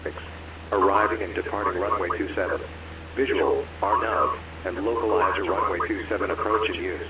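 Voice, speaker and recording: A man's voice on a recorded airport weather broadcast, heard over aircraft radio, reading numbers and runway notices in an even, deliberate way. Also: deep voice. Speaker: automated airport information broadcast. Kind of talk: measured, formulaic weather readout. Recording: echoey, very noisy radio channel.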